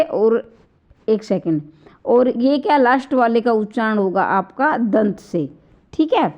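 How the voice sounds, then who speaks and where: A woman's voice: a little high, darkish tone, highs cut off. A woman teaching a Hindi grammar lesson online, explaining step by step and saying each sound aloud, with a slightly sore throat. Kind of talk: online exam-prep lecture.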